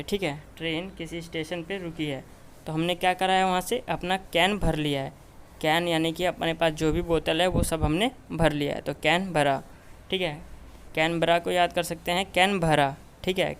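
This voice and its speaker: A man's voice: fairly high pitch, a bit bright, a little hiss or hum. A man teaching a memory tutorial, explaining step by step and checking in with "okay" after nearly every phrase. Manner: repeats "ठीक है" and short checks constantly. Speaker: memory trainer teaching mnemonics.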